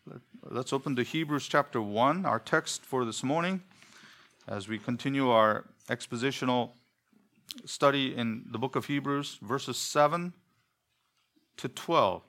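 A man whose first language is Korean, preaching an expository sermon in church with a measured, deliberate delivery and rhetorical questions. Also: medium pitch, fairly bright tone. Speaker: pastor. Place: church sanctuary.

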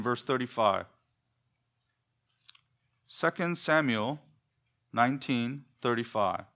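A man whose first language is Korean, preaching an expository sermon in church with a measured, deliberate delivery and rhetorical questions. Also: mid-range voice, fairly bright tone. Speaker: pastor. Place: church sanctuary.

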